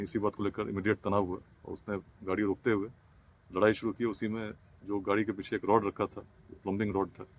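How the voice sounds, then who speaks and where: A man in a police role giving a measured, formal press briefing outdoors at a crime scene. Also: on the low side. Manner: measured, formal, official wording.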